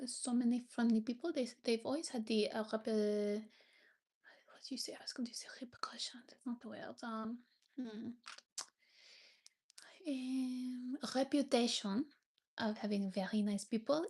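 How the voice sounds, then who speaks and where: A young woman with a noticeable French accent hosts a relaxed livestream chat. Her voice sits a little higher than most, and she talks in a friendly, easygoing way. She greets and thanks viewers and now and then pauses to find the right English word. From France. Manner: chatty, thanks viewers, searches for English words. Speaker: livestream host.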